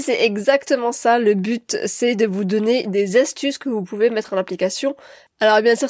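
A woman's voice: mid-range voice, darkish tone, dry recording, studio quality. A woman hosting a podcast, talking upbeat and straight to her listeners. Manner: upbeat, direct address to listeners. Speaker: podcast host. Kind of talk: scripted podcast talk.

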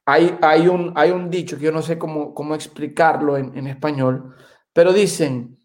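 Male podcast co-host, excitable casual talker, a bit high-pitched, restarts a lot. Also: moderate pace. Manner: excitable, repeats words while searching for them. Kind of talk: casual chat.

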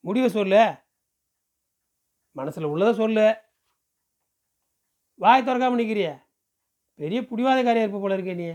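A man's voice: sits high, expressive, unhurried, long pauses, a little mellow, pitched above the performer's own voice. A man voicing a pushy, talkative middle-aged village man who fires off questions in rural speech in an audiobook. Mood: pressing, coaxing. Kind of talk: audiobook character voice.

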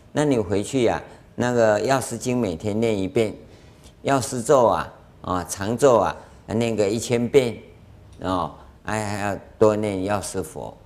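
Animated Taiwanese-accented man lecturing. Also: lowish voice. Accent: Taiwanese Mandarin. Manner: animated storytelling, acts out dialogue, chuckles. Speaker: Buddhist master. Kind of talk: dharma lecture. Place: lecture hall.

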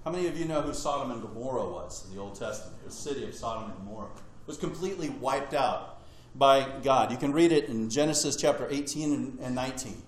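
A man's voice: mid-range voice, lively intonation, fast, reverberant, a little hiss or hum, rough recording. A man preaching a sermon, retelling scripture conversationally with humorous asides.

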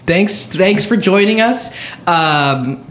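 A man's voice: sits high, lively intonation, takes it slowly, a bit bright, slight background noise. A man chatting casually as the host and dungeon master of a tabletop gaming podcast.

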